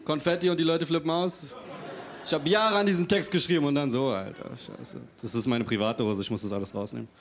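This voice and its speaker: A man doing a stand-up comedy set on stage before a live audience, with cheeky, deadpan self-mockery. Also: a little high, quick pace, slight background noise.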